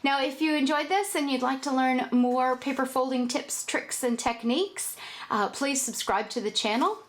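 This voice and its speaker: A woman's voice: sits high, moderate pace. A woman hosting a paper-folding tutorial, talking casually with fillers and restarts. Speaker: origami tutorial host.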